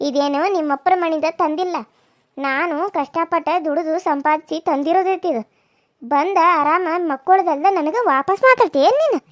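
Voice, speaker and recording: A woman voicing a domineering older village mother-in-law, who scolds and taunts slowly. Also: high-pitched, dry recording, clean studio sound, lightly acted. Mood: scolding. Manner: scolding, insulting, drawn-out taunts. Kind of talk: cartoon voice acting.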